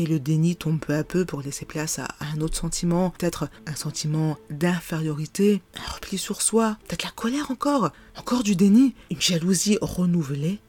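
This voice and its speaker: Animated podcast host. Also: medium pitch. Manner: animated, rhetorical, laughs often. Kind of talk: casual commentary monologue.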